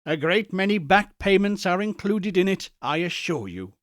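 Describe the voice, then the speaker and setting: A man's voice: high voice, expressive, normal speed, no room sound, clean studio sound. A man voicing a reformed old miser in a storybook reading, joyful and kindly, speaking with effusive, earnest courtesy. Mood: eager, grateful.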